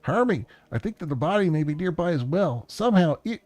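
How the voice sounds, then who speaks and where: A man voicing a jittery, excited man on an old video message, talking breathlessly and urgently. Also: a little high, brisk, no room sound, voice pushed up. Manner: breathless, urgent, words tumbling out.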